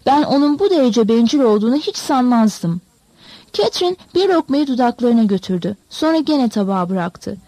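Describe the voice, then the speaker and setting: A woman narrating a novel in a measured, expressive storytelling manner. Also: fairly high pitch, dry recording. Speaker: audiobook narrator.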